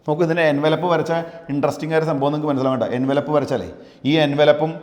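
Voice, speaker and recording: A male physics teacher lecturing a class, dictating definitions slowly and asking his students questions. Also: a little high, fairly even intonation, darkish tone. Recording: echoey room with long reverb.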